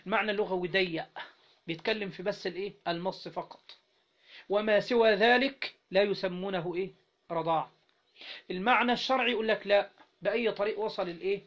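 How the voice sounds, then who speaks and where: A man's voice: sits high, fast talker, long pauses, a bit bright. A man with an Egyptian accent teaching a classroom lesson on Islamic jurisprudence, reading a text aloud and explaining it, prompting his students with questions. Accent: Egyptian Arabic. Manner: keeps prompting students with questions, has them fill in words. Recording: dull lo-fi recording.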